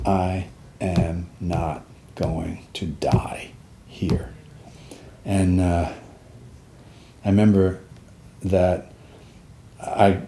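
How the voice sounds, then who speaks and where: Halting older man recalling the war. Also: sits low, dark tone, slight background noise. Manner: halting, with restarts and trailing pauses. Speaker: war veteran interviewee. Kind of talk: personal recollection.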